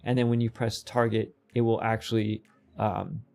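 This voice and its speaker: Gravelly, fast-talking tutorial guy. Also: fairly low pitch, little pitch movement, a little mellow. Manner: rambling, quick, self-interrupting. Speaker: game development tutor. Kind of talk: casual screen-recorded tutorial.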